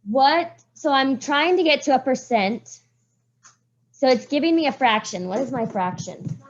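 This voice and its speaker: A slightly high-voiced woman teaches math in a classroom, explaining each step and calling on pupils by name. Her voice is wearing a little hoarse. The recording is dull and lo-fi. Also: lively intonation, measured pace. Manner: walks students through steps, calls on pupils by name. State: voice getting hoarse.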